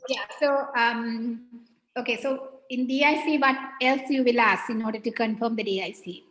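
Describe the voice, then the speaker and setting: A woman's voice: on the high side, fairly even intonation, moderate pace, fairly bright tone, roomy sound, low-quality recording. A woman teaching medicine in a class, questioning students and prompting them one by one. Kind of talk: online clinical teaching session.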